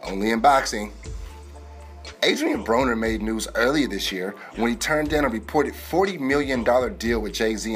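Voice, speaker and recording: A man's voice: mid-range voice, fairly bright tone. A male podcast host delivers a scripted, comedic sports news monologue. He talks in slangy wisecracks, with music playing behind him. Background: music bed.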